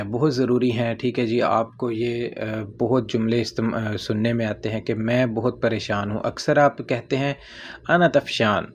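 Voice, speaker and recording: A man giving a casual language lesson, slowing down to model each phrase and checking in with his listeners again and again. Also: medium pitch, a little mellow, slight background noise. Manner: slows right down to model each phrase, repeats "theek hai ji" often. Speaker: Arabic teacher.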